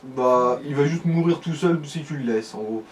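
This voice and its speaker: Heard through a distant microphone over faint background noise, this man's mid-range voice moves at normal speed. He co-commentates a let's play, guiding viewers with informal, somewhat hesitant explanations.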